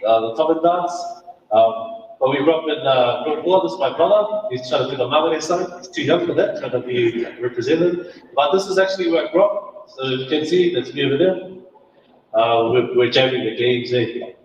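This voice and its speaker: A New Zealander speaking at medium pitch and normal speed gives a casual guest talk in an event hall, chatty, laughing, and self-deprecating. The sound is lo-fi, distant, and echoey, with some noise.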